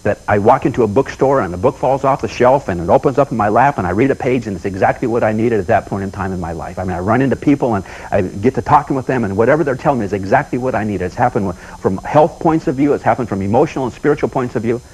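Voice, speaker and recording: A man's voice: mid-range voice, fast talker, few pauses, darkish tone, breathy edge, low-quality recording. A man telling folksy stories as a motivational seminar speaker, with punchy repetition.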